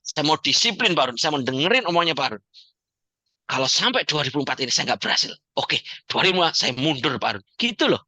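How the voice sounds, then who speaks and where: A man giving a joking, animated motivational talk to an audience as the founder of a community. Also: on the high side, fast, dry recording. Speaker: founder and coach of a debt-free community.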